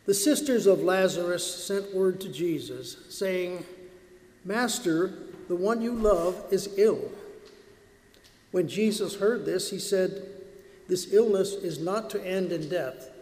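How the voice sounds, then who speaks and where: A man, a priest or deacon, proclaims the Gospel in a measured, solemn way, his voice ringing with cathedral echo in a large church. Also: sits high, a little mellow. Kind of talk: liturgical Gospel reading.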